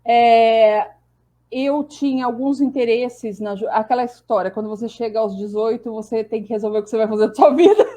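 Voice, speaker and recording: A woman in her forties, from Brazil, talks through her career as a historian in a relaxed, chatty way. Her voice is mellow and fairly high, and she often restarts her sentences. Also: moderate pace. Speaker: historian guest. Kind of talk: casual interview answers.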